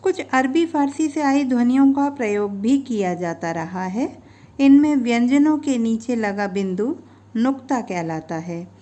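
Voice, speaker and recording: Slow, deliberate woman teaching grammar. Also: a little high, darkish tone. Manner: slow, deliberate, spells out each sound and example. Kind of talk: scripted grammar lesson narration. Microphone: voice-over over slides.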